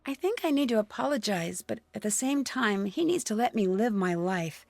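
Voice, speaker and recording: A woman's voice: mid-range voice, expressive, moderate pace, creaky, a little mellow, no room sound. An actress playing a polite, earnest and inquisitive young female detective in a video game. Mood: earnest, troubled. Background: music.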